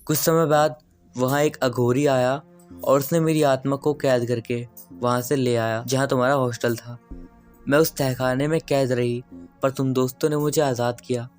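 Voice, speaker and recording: A male storyteller voicing the spirit of a young woman in a spoken horror tale, gentle and grateful, telling her story quickly and confidingly. The voice stays at an ordinary middle pitch, over faint background music. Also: steady tone, close to an everyday voice.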